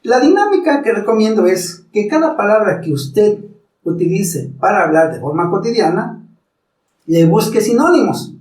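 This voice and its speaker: A man teaching public speaking, talking formally to the viewer and slowly demonstrating pronunciation. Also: high-pitched, darkish tone, reverberant, recorded from a distance, rough recording. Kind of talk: instructional talk.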